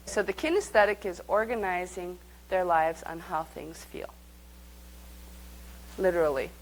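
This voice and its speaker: A woman's voice: fairly low pitch, unhurried, slight background noise, poor audio. A woman leading a live workshop, speaking conversationally and guiding the group through exercises. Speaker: workshop teacher.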